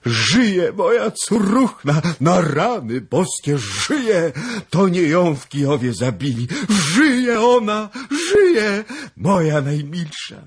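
A man voicing a hotheaded old nobleman with a hoarse voice, shouting in an audiobook. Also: lowish voice, sing-song, moderate pace, voice pushed up, exaggerated voice. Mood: overjoyed.

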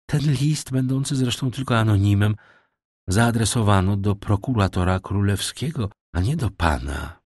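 A man voicing a tender, anxious young noblewoman in an audiobook, soft and pleading. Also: fairly low pitch, animated, moderate pace, dry recording, clean studio sound, pitched above the performer's own voice. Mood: objecting.

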